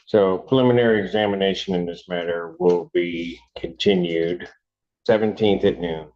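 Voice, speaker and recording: Male judge, low voice, firm and interrupting, dull courtroom recording audio. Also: moderate pace. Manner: firm, interrupts with repeated "hold on". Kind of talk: presiding over court hearings.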